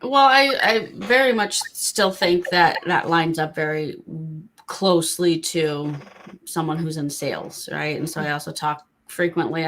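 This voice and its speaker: A woman's voice: fairly low pitch, a bit bright. A woman interviewing as host in an informal way, thinking aloud and reflecting points back. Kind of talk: conversational interviewing.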